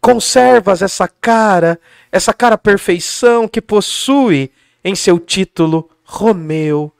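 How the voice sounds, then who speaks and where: A man voicing Juliet as a lovesick young woman, reciting in a slow, drawn-out theatrical way. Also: high voice, creaky, clean tone, dry recording, studio quality, exaggerated voice. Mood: yearning.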